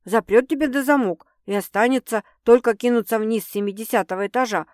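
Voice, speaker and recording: A woman's voice: a little high, fast talker, a little mellow, no echo, studio quality, close to an everyday voice. A woman voicing a brash, teasing young woman who scolds her sister bluntly and mockingly.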